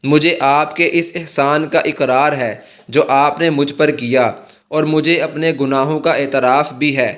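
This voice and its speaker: A man explaining a prayer and its meaning to viewers in an earnest, instructive way, reciting its words slowly and carefully. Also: a little high, fairly even intonation, fairly bright tone. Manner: slow, careful recitation of Arabic supplication. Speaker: religious teacher. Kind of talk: scripted religious explainer.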